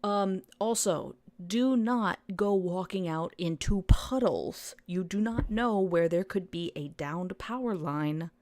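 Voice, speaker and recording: Low-voiced woman giving storm tips. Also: slow, few pauses, a little mellow. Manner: informative, stumbling restarts. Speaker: podcast co-host. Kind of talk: casual podcast chat.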